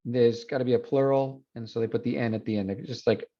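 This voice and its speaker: Male Spanish professor, mellow voice, dull muffled recording. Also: medium pitch, a little fast. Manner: relaxed, explanatory, with fillers. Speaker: university Spanish instructor. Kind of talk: classroom lecture switching Spanish and English.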